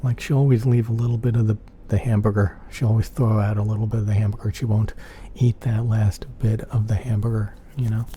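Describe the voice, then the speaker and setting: A man with a lowish, very dark and relaxed voice chats casually in ASMR style. He is soft-spoken and tends to repeat himself as he rambles, with clear noise behind him. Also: fairly quick, few pauses. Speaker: ASMR channel host.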